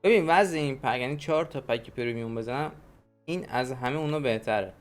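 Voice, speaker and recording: A young man giving casual, excitable commentary while opening card packs, talking to the players on the cards and to his viewers. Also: mid-range voice, faint music behind. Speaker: gaming video creator. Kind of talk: pack-opening gameplay commentary.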